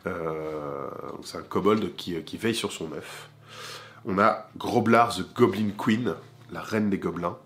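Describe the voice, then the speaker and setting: A man with a fairly low voice presents a board game in a relaxed, informal style. He chats directly to the viewer like a friend as he goes through the details. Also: measured pace. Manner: chatty, informal, talks straight to the viewer. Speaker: board game channel host.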